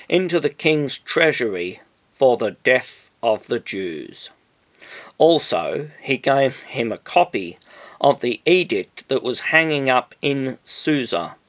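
A man reads scripture aloud at an unhurried, deliberate pace. His voice sits in an ordinary middle register, and his delivery stays measured and solemn from phrase to phrase. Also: mid-range voice, fairly bright tone. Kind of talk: scripture reading.

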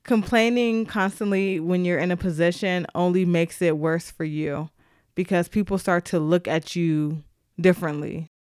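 Low-voiced woman in casual podcast chat. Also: steady tone, moderate pace, darkish tone, smooth, no echo, studio quality.

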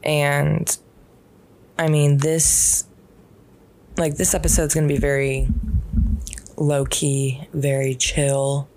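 Young female podcast host, low and slow, relaxed rambling from bed at home. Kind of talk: casual solo podcast chat. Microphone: podcast microphone.

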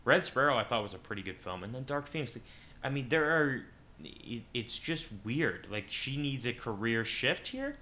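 Rambling bright-voiced podcast host man. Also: medium pitch, expressive, normal speed, slight background noise. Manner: rambling, self-correcting, thinks aloud. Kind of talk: casual solo podcast chat.

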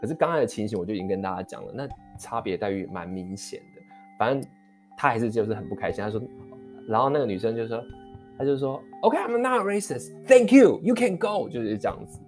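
A man, telling a heated anecdote in a storytelling vlog, quick and rambling with many restarts. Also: lowish voice. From Taiwan. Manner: animated, heated retelling of an anecdote. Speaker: vlogger. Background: faint guitar music.

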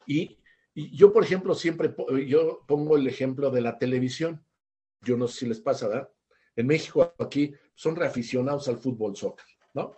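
A man's voice: medium pitch, normal speed, mellow. An older man with a Mexican accent, a psychologist explaining ideas to a talk show in a conversational, example-filled way. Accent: Mexican Spanish. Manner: conversational, teaching with everyday examples, many restarts.

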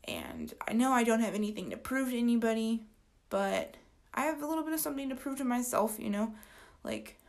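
A woman's voice: on the high side, very animated, brisk. Tired young woman rambling on a podcast. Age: 20s. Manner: rambling, filler-heavy, trails off softly. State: tired, yawning. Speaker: podcast host. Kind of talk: casual solo podcast chat.

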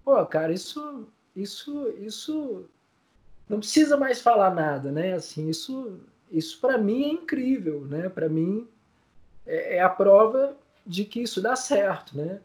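A man with a fairly high, expressive, slightly mellow voice, the founder of a community news group, tells stories as a guest in an interview. He sounds tearful and choked up, and as his voice breaks he stumbles, repeats words, and fills pauses with many fillers.

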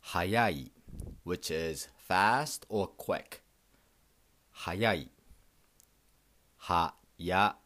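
In a casual podcast lesson on Japanese, a host who speaks it as his first language teaches at a slow pace in a deep voice with a fairly bright tone. He often asks "okay?" and repeats words slowly so learners can follow.

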